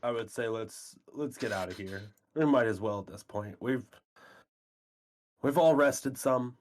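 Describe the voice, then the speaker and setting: A man's voice: medium pitch, measured pace, slight background noise. A man chatting casually as a player in a tabletop game.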